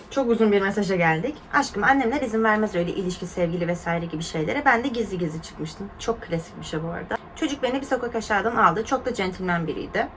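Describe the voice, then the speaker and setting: A woman in her twenties from Turkey chats quickly and casually, reading out viewer stories. She reacts with lively exclamations and speaks straight to her audience. A faint hum of room noise sits behind her voice. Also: on the high side. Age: 20s. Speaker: vlogger.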